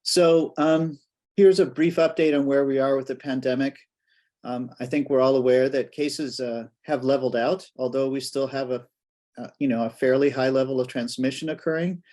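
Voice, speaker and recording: A man's voice: mid-range voice, fairly even intonation, normal speed, warm tone. A man from Washington State giving a slide presentation as a physician and academic, with hesitant, conversational phrasing. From Washington State, United States.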